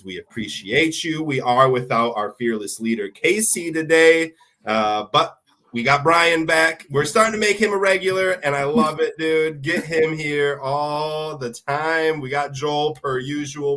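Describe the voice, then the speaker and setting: A man's voice: mid-range voice, a bit bright. A man hosting a casual podcast chat while sick, his voice nasal, talking in an upbeat, rambling way. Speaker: podcast host.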